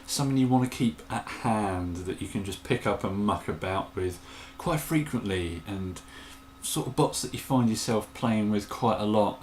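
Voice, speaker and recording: A man chatting enthusiastically in a casual show-and-tell vlog, with bursts of excitement. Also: lowish voice, echoey room, a little hiss or hum. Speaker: toy collector vlogger.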